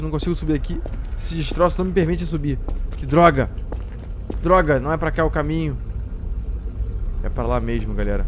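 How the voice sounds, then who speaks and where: A man with a Brazilian Portuguese accent giving let's-play commentary, jumpy and quick to yelp and swear when startled. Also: mid-range voice, noisy background. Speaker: gameplay streamer.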